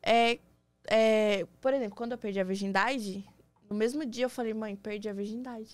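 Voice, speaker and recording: A woman's voice: fairly high pitch, steady tone, normal speed, dry recording. A young woman with a Brazilian Portuguese accent, a podcast guest telling her story in casual conversation and acting out the dialogue she quotes.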